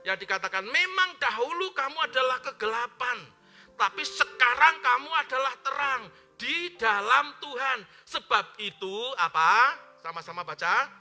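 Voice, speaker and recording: A male pastor preaching from the pulpit in a very high, piercingly bright voice. He talks loudly and forcefully, calling on the congregation to repeat his words. The live-streamed service has faint music in the background. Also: animated, a little slow. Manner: loud forceful preaching with call-and-response prompts. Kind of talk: sermon. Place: church.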